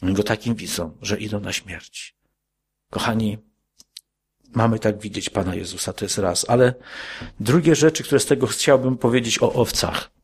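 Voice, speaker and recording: A man preaching a sermon to a congregation, asking them questions and rising to emphatic high peaks. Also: normal speed, breathy edge.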